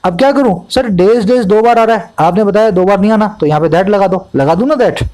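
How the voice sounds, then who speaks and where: A man with a high-pitched voice teaches English vocabulary and grammar from a newspaper editorial. He explains in Hindi, scattering English terms throughout, and reads the English sentences slowly, one word at a time. He keeps asking his students whether they have understood. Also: darkish tone, low-quality recording. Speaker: English tutor.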